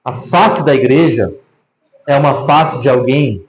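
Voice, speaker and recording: A man's voice: medium pitch, unhurried, slight background noise. A man with a Brazilian Portuguese accent preaching a sermon, telling a story animatedly with many rhetorical questions, in a church hall. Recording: echoey room.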